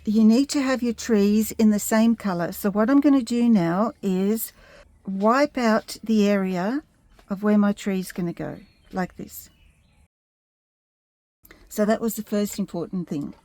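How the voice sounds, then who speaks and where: Woman, gentle painting instructor; relaxed, soft-edged tone, close dry sound, tutorial delivery. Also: medium pitch, unhurried, dry recording. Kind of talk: step-by-step painting tutorial narration.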